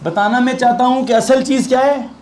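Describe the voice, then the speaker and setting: Male physics teacher, Pakistani Urdu accent, high voice, chatty, quizzes his class with playful asides, faint room ambience. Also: steady tone, a little fast, a little mellow, slight background noise. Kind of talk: classroom lecture.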